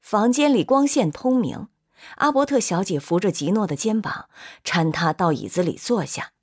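A woman narrating an audiobook in a measured, steady reading voice. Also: medium pitch, breathy edge.

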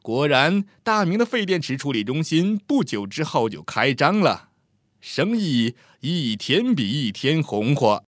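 A male storyteller reads a scripted tale with an expressive delivery, his pitch swinging widely. His voice sits a bit high for a man and sounds close and dry, with no room around it. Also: measured pace, no room sound.

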